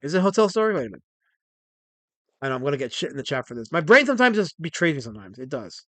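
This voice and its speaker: A man in his forties hosting a casual livestream, excitable and rambling as he reads chat messages aloud. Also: fairly high pitch, rapid-fire, no echo. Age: 40s. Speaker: livestream host.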